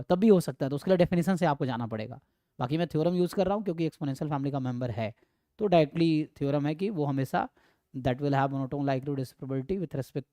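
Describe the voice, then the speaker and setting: A man's voice: a little high, dark tone, dry recording, clean studio sound. Man explaining statistics problems. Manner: explanatory, frequent "है ना" check-ins, mixes English terms. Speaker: statistics teacher. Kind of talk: exam problem walkthrough lecture.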